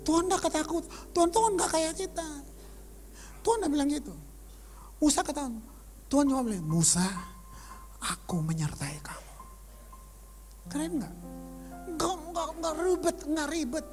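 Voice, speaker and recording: A man preaching a sermon as pastor, animated, swinging from loud emphasis to whispers and mixing in English words. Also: very high voice, normal speed, pauses often, soft background music. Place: church auditorium.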